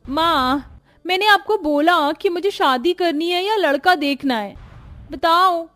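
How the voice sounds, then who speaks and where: A woman's voice: takes it slowly, a bit bright, faint music behind, full character voice. A woman voicing a lazy, scheming young married woman in a cartoon, talking in a bratty, cheeky way. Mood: defiant. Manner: bratty and cheeky, high and sing-song. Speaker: sister-in-law character. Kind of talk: cartoon voice acting.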